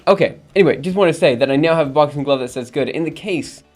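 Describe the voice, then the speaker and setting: This livestreamer from Alabama speaks fast in a fairly high, slightly mellow voice over faint background music. Chatting loosely with his audience, he wanders from topic to topic, reading comments aloud, responding, and often laughing or saying um.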